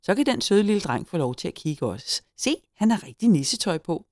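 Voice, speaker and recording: A woman's voice: fairly low pitch, big pitch swings, darkish tone, no echo, clean studio sound, pitched above the performer's own voice. A woman voicing a fussy middle-aged mother scolding her children, in a storybook reading.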